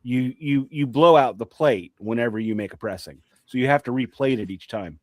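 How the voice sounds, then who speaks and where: A man's voice: medium pitch, normal speed, dry recording. Profane joking man, dry close sound. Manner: joking, profane, stammering restarts. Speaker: podcast co-host. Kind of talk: casual chat.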